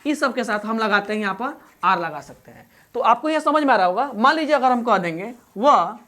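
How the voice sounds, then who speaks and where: A woman teaching English grammar in Hindi. She repeats each example slowly and quizzes the learners as she goes. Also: fairly high pitch, animated, a bit bright. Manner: addresses learners fondly as "babu". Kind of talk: Hindi-medium classroom grammar lesson.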